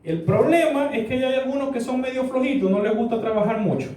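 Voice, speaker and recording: A man voicing the apostle Paul as a patient, gently explaining older advisor in a church lesson. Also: extremely high pitch, fairly quick. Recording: echoey church room, distant mic.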